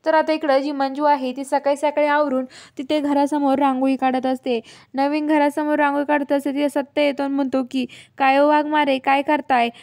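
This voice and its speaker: A woman's voice: high-pitched, little pitch movement, a little fast, darkish tone. A woman casually retelling the plot of a serial, quoting each character in her own voice, with frequent fillers and restarts. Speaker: storyteller recapping a TV serial. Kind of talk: casual spoken recap narration.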